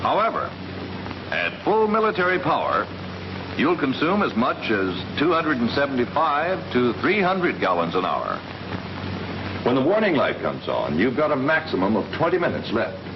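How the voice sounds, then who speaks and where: Here a man's mid-range voice swoops wildly in pitch at an ordinary pace. Acting as a confident military captain teaching pilots, he lays things out methodically and plainly, in a matter-of-fact manner reminiscent of 1940s training films. The recording sounds like a dull, noisy film track from that decade.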